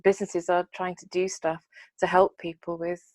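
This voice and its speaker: A woman's voice: lowish voice, level tone, normal speed, a little mellow, no echo. A woman, co-hosting a podcast over a video call. She speaks earnestly and reflectively in long, thoughtful runs. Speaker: podcast co-host. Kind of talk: casual chat on a video call.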